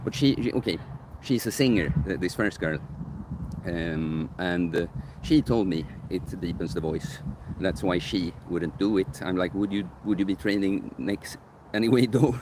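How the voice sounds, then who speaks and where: Outdoors in a park near sunset, this young man, a coach, answers viewer questions in a casual live-stream chat, unhurried but rambling and correcting himself as he thinks. His deep bass voice is captured by the phone camera he holds, against a noisy background.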